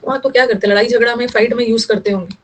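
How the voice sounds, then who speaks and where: A woman's voice: a little high, steady tone, rapid-fire, slight background noise, poor audio. A young woman teaching English vocabulary in Hindi, explaining word meanings and teasing her students a little. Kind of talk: online vocabulary lesson.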